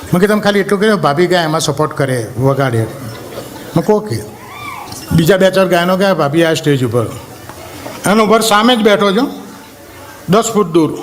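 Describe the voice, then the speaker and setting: High-voiced man doing stand-up. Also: animated, a little hiss or hum. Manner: sings film songs slowly in mock voices. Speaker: stand-up comedian. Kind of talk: Gujarati stand-up storytelling. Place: live stage show.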